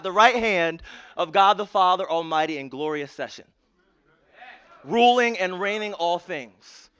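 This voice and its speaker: A young man with a high-pitched, clear and resonant voice emcees a concert in a large auditorium, speaking earnestly on a handheld mic. He introduces acts, builds to rousing shouts, and leads a hushed public prayer.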